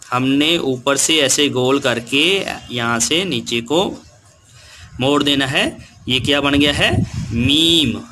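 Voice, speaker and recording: A man teaching an Urdu lesson to young children, speaking slowly and patiently and repeating each word. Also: mid-range voice, sharp tone, a little hiss or hum. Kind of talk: slow classroom lesson.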